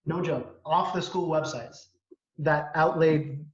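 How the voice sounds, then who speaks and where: A man from Canada co-hosting a live stream, chatting casually and telling things in an animated, slangy way over a video call. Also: a little high, slow. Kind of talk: casual chat. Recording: slightly dull video-call audio.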